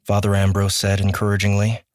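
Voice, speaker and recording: Deep-voiced male audiobook narrator. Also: no room sound, studio quality. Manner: measured, steady storytelling. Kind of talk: scripted narration.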